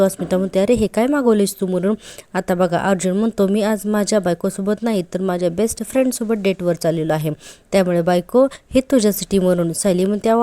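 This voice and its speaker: Chatty woman recapping a serial, mellow. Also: medium pitch, no room sound. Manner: chatty retelling, quotes characters in her own voice; gushing, admiring asides. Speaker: serial episode reviewer. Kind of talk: casual episode recap narration.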